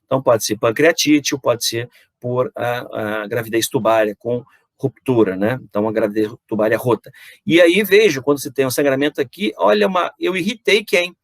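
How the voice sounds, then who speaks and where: A man's voice: mid-range voice, moderate pace, no room sound, studio quality. A middle-aged man with a Brazilian Portuguese accent, giving a university anatomy lecture and peppering it with "né?" and rhetorical questions to his students. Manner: explanatory, frequent "né?" and "então", rhetorical questions to students. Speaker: anatomy professor.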